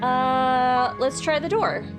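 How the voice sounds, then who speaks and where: A woman gives casual let's play commentary in a high voice. She is chatty and reactive, with hesitant asides. Game music is clearly audible behind her. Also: slow. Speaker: game streamer. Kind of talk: casual live let's play commentary with dialogue read aloud.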